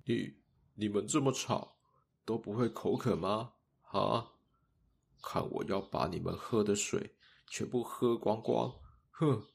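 A man's voice: fairly low pitch, slow, gravelly, pauses often, husky, pitched above the performer's own voice, exaggerated voice. A man voicing a homesick young schoolboy who stammers and blusters when he is teased, in a storybook tale. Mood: angry.

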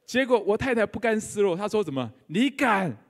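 A man's voice: sits high, sing-song, fast talker. A middle-aged male pastor with a Taiwanese Mandarin accent gives a live sermon in a church, joking and putting questions to the congregation. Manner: humorous, conversational, quizzes the congregation. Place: church sanctuary.

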